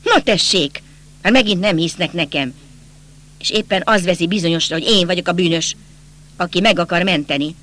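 A man's voice: high-pitched, pushed and bright. Man voicing a bitter, agitated young count. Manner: insistent, bitter and accusing. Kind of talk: audiobook character reading.

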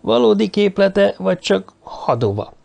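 A frightened man in a sickbed, voiced by a male narrator, pleads in a tight, high audiobook voice. He sounds anxious and begs rather than argues. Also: big pitch swings, creaky, darkish tone, heavily acted. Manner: anxious and pleading, pitched well above the narrator. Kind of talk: audiobook character voice.

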